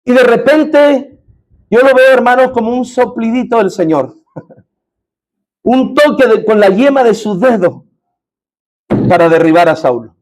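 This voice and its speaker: A man's voice: very high voice, animated, a little slow, long pauses. A man preaching a sermon as pastor in a church, often asking the congregation questions.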